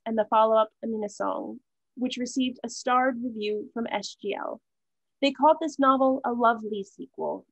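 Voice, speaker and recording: A woman moderating an online event, reading out speaker introductions in a steady, scripted way with small slips. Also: a little high, dry recording. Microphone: video call. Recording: dull, dry video call audio.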